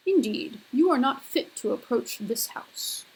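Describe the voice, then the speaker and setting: A woman lecturer putting on a deeper, manly voice for a stern male god, speaking in a slow, measured way. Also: animated, creaky, darkish tone, husky, heavily acted, low-quality recording. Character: stern male god defending his deed.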